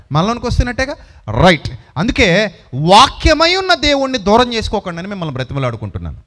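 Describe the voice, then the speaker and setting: Male pastor with a Telugu accent, high animated voice, preaching emphatically to a congregation. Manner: emphatic, rhetorical questions to the congregation. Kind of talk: sermon. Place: church hall before a congregation.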